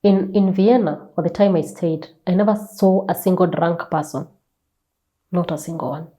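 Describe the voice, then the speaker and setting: Her voice lowish, mellow, and steady in tone, a Kenyan woman talks at a moderate pace as a guest author being interviewed. She tells stories in an animated, emphatic way, repeating phrases and asking rhetorical questions.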